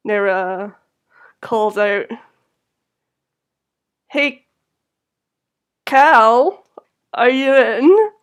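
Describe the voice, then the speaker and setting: A woman acting as game master, improvising narration for a tabletop game in halting phrases. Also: fairly high pitch, clean tone.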